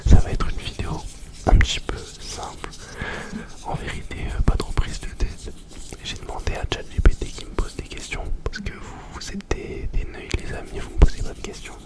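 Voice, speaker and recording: A young man doing ASMR, chatting informally in a breathy whisper right in the listener's ear, very close to the microphone. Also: moderate pace. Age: young adult. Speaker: ASMR video host. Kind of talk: ASMR, informal question-and-answer chat.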